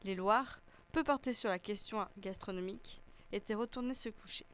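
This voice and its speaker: A woman narrating a children's story in a gentle, measured reading voice. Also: medium pitch.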